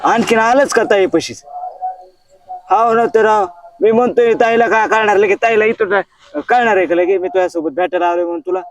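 A man's voice: sits high, a little fast, low-quality recording. Young man, pleading. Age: young adult. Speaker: college boy in a comedy sketch. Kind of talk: acted comedy sketch dialogue.

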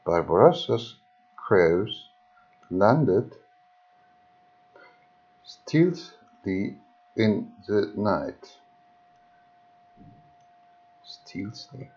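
Slow, halting man reading history aloud. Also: lowish voice, expressive, a little mellow, highs cut off. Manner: halting, restarts words often. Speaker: reader.

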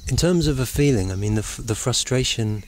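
Speaking with a medium-pitched, expressive voice, a middle-aged man vlogs a meandering, thoughtful monologue, pausing as he searches for the right words. The noisy footage comes from a handheld camera at arm's length in open countryside, with birds and outdoor noise behind him.

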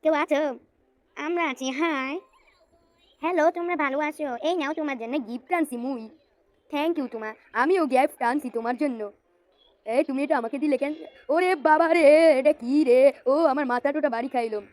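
Woman with a high voice, dubbing a comic cartoon alone. She plays every role, loud and full of exclamations. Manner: loud exclaiming, rapid shifts between character voices. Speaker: channel voice performer. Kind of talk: comic cartoon dub, voicing every character.

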